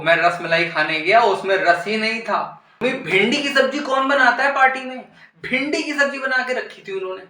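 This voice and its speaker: A man's voice: high-pitched, bright, forceful tone, reverberant. A young man performing a comic monologue, gossiping and complaining to his mother in a whiny way. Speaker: comedian.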